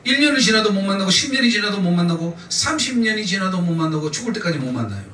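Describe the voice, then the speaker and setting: A male pastor preaches with emphatic repetition, leading his congregation in call-and-response. His voice is high, sharp, fast, and very animated, picked up by a distant mic that gives echoey church acoustics plus a slight hiss or hum.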